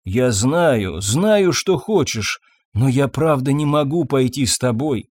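Мужчина-чтец играет усталого, запуганного официанта средних лет, который говорит медленно и умоляюще. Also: male voice, medium pitch, lively intonation, a little mellow, no echo, studio quality. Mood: crushed. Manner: slow, weary, pleading speech. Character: tired, timid, guilt-ridden middle-aged waiter.

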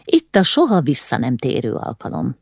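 A woman's voice: rumbling low, gravelly, slightly rough, no room sound, clean studio sound, full character voice. Woman voicing a proud, restrained landowner father. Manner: measured, restrained calm. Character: proud, eccentric middle-aged landowner father.

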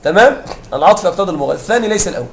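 Guy teaching a grammar class, pretty high voice, keeps asking the students if they follow, roomy echo. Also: expressive, racing, vocal fry, slight background noise. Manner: explains with repeated examples and checks understanding with questions. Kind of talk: classroom lecture. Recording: echoey classroom sound.

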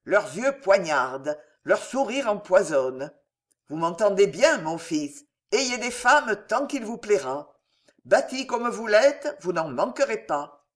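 A reader voicing a stern old soldier father who gravely lectures his son in a storybook reading. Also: medium pitch, sing-song, slow pace, fairly bright tone. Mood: lecturing. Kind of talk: audiobook character reading.

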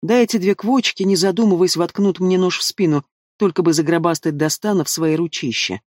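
A man narrating a fantasy novel in the first person with expressive storytelling. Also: high-pitched, brisk, no echo, studio quality. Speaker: audiobook narrator.

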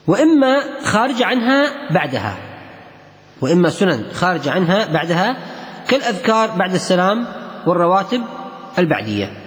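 A man teaching a religious text to a class, repeating key phrases and counting along with his students. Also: high voice. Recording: echoey hall with long reverb.

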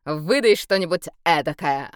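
A woman's voice: low-pitched, lively intonation, a little slow, clean tone, dry recording. A woman voicing a lovestruck, brash young male vampire in an audiobook, dreamy and pushy in manner, recorded close and dry. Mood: adoring.

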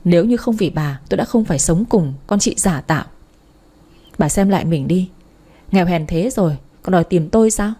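Storybook figure: bitter, hysterical young woman, voiced by a woman reader, breathy tone. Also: on the low side, lively intonation, brisk, mellow. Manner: screaming accusations, bitter.

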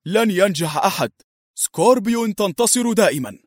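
Man doing a raving spy boss yelling. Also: high-pitched, expressive, brisk, no room sound, clean studio sound, voice pushed up. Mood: frenzied. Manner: shouting orders wildly. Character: crazed fat male spy chief, fanatical.

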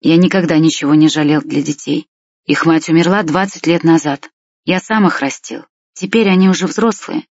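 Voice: mid-range voice, dry recording, lightly acted. A reader doing a grieving old village man. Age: 60s. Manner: slow, sighing, heavy with grief. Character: sad old village man, tearful, gentle. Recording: dull lo-fi dry recording.

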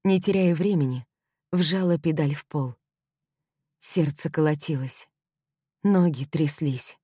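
Low-voiced woman narrating tensely. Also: takes it slowly, warm tone, husky, no echo, studio quality. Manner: tense, dramatic. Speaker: audiobook narrator. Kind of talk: scripted first-person narration.

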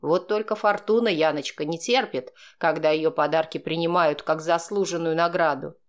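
A smug young man drawls his taunts in a low, mocking voice that drips with insinuation, as a woman narrator puts him on. He sounds sure of himself and openly scornful, and his story voice sits well below her own. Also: moderate pace, natural voice. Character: brash mocking male student, young man.

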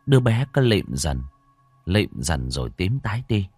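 A man narrating a horror story in a dramatic, expressive storytelling manner. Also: deep voice, moderate pace. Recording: dry close voice over faint music.

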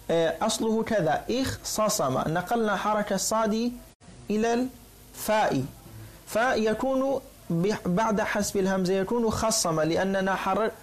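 Man, class teacher, patient drilling delivery, frequent comprehension checks. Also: high-pitched. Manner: patient, repeats and drills forms, checks understanding; halting restarts while explaining. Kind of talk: classroom lecture.

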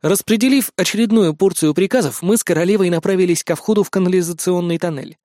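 A man's voice: high voice, quick pace, warm tone, no echo, studio quality. A man reading a first-person audiobook narration in a wry, matter-of-fact way.

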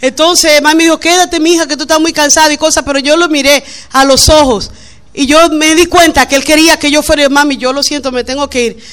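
A middle-aged woman preaches to her congregation in a high, bright, forceful voice. She is lively and playful, acting out everyday quotes in between her points. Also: a little fast. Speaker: pastor. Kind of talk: sermon. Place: church.

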